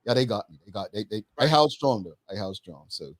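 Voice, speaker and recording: A man hosting a casual interview, halting and repeating words as he builds up a question. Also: fairly low pitch, expressive. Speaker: talk show host.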